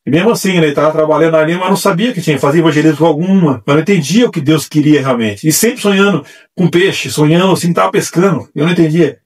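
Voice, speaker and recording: Fast-talking husky male evangelist. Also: fairly high pitch. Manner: animated, acts out quoted voices. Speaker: church evangelist, guest. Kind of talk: testimony storytelling. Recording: distant mic.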